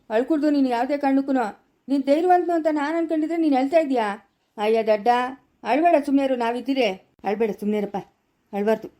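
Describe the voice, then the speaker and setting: Woman putting on a gruff older village man, commanding and vengeful, quick, dark tone, Chikkaballapura Kannada. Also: fairly high pitch, natural voice. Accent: Kannada, Chikkaballapura area. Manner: commanding, reassuring, threatening. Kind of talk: amateur family village drama.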